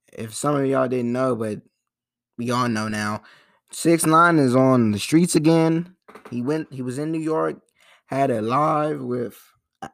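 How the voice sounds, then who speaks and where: Young man, gravelly voice, casual profane podcast rant, rambling with restarts. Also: mid-range voice, a bit bright. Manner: loose, rambling and profane, with frequent restarts and slang. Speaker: podcast host. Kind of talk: casual solo podcast commentary.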